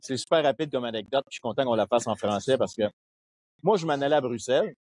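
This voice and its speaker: A man with a Québécois accent tells a story in casual podcast chat. His voice is husky and a little rough. He slips into quoted voices as he goes, and his pitch sits in the middle. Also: fast talker. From Quebec. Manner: lively anecdote teller, slips into quoted voices. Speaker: podcast guest.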